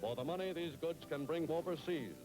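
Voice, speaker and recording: Man, old newsreel narrator, formal declaiming delivery, music loud behind. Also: on the high side, fairly quick. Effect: archive newsreel soundtrack.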